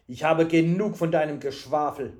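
A furious horse owner scolds and accuses in a storybook tale, put on by a man reading aloud. He is loud and blustering. The voice sits slightly high. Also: fairly even intonation, moderate pace, lightly acted. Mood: indignant.

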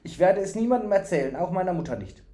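A man's voice: sits high, lively intonation, fast talker, dark tone, echoey room, pitched above the performer's own voice. A man voicing a simple-minded, childlike male fool from the forest, eager and full of repeated questions. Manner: eager, questioning, singsong repetitions.

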